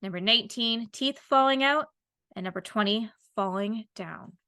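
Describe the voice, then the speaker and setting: A woman's voice: fairly high pitch, normal speed, sharp tone, clear, resonant tone, no room sound, studio quality. A woman in her thirties hosting a casual chat podcast, rambling with lots of fillers. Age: 30s. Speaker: podcast host.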